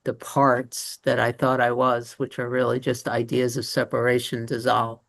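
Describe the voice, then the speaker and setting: A woman's voice: a bass voice, monotone, normal speed, creaky. A woman taking part in a spiritual discussion group over a video call, earnest and thoughtful, searching for her words. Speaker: group participant.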